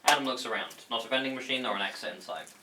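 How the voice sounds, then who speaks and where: At a table read in an indoor room, a man reads the stage directions casually and trips over the script now and then. His mid-range voice is animated and races along. The room is echoey, with a little background noise.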